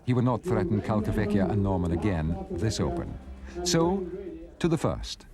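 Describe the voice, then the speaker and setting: A man reading scripted golf documentary narration in a measured, dramatic storytelling way. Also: fairly low pitch, sing-song, over loud music. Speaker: narrator of golf highlights film. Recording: archive soundtrack, crowd and background noise. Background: crowd noise.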